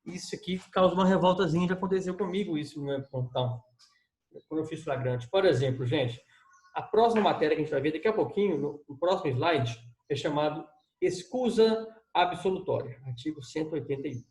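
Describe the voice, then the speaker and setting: Male law lecturer, animated and chatty, slightly high voice, roomy echo. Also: fairly quick. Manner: lively, conversational, addresses students as "gente".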